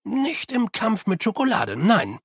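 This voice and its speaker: Brief: old male monk, calm and sly, read by a narrator, husky tone, dry. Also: sits high, measured pace, dry recording, voice pushed up, full character voice. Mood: wry.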